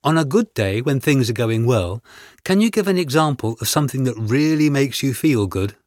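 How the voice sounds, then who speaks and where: A man's voice: medium pitch, expressive, moderate pace, a little mellow, dry recording. Man reading interview questions, dry sound. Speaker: interviewer and exam narrator. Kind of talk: scripted reading.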